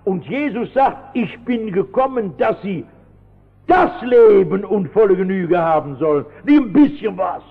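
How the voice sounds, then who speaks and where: A high-voiced man preaches with fervour, swinging from hushed asides to sudden shouts as he tells his story. His voice comes through a thin, phone-like old radio broadcast. A long church reverb trails behind every phrase. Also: vocal fry. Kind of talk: sermon.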